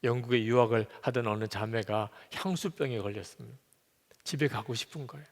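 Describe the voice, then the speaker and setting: A male pastor delivers a sermon at a middle pitch, speaking earnestly and then rising suddenly into loud, emphatic bursts. His voice carries the long reverb of a church sanctuary. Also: a little fast.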